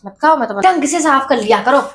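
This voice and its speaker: A woman's voice: sits high, lively intonation, a little fast, a bit bright, soft background music. A woman acting a sassy, bantering wife in a comedy sketch. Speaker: comic actress.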